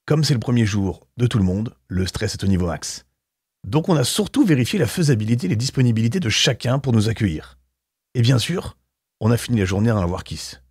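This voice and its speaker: A man giving a calm voice-over narration of a festival day. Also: medium pitch, fairly quick, slightly rough, dry recording, clean studio sound.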